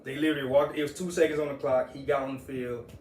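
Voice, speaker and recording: A man recounts events in an animated, casual way and acts out the people he quotes. His voice is a bit distant from the mic in an echoey room, with faint ambient noise behind. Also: mid-range voice, fast. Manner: animated storyteller, quotes others, Southern US vernacular. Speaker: guest, father and coach. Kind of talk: casual storytelling.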